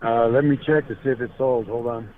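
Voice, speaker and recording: A man's voice: medium pitch, fairly even intonation, a little fast, slight background noise. A man on a phone call, selling a car, who turns hostile and curses. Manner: hostile, cursing. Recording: tinny phone line.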